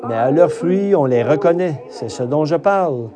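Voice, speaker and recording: A man's voice: a little high, expressive, moderate pace. A man preaching a sermon with emphatic delivery, rising to cries on key phrases. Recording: crowd audible behind.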